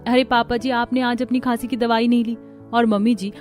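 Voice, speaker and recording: A woman voices a caring young housewife and daughter-in-law in a Hindi cartoon story, speaking politely and earnestly as she tries to explain herself. Her natural voice is a little high, a little fast and slightly mellow, with little pitch movement. Music plays behind her.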